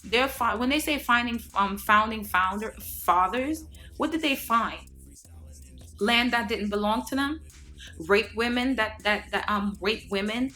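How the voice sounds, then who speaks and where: A Haitian woman vlogs to camera in a fairly high, bright, pushed voice, speaking a little slowly. She lectures her viewers earnestly in a casual monologue full of fillers and restarts.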